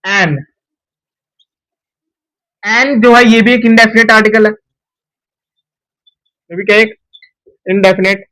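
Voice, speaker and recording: A young male teacher explains grammar at a board with a fairly high voice. He poses each question to the class and answers it himself, often saying a word twice for emphasis. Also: fairly even intonation, slow, long pauses, sharp tone, poor audio. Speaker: English teacher. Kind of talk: whiteboard grammar lesson.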